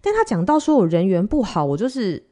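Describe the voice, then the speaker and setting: A woman's voice: mid-range voice, a little fast. A woman in her late thirties with a Taiwanese Mandarin accent, hosting a podcast and telling a personal story in a chatty way, acting out the lines of the people in it. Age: late 30s. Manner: chatty, animated, acts out quoted dialogue. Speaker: podcast host. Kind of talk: casual storytelling monologue.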